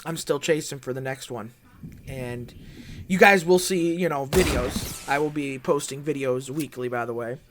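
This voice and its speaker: A man who makes gaming videos, telling his viewers a story in a rambling, excitable way, full of fillers like "you know" and "like". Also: mid-range voice, moderate pace, noisy background. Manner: animated, excitable retelling.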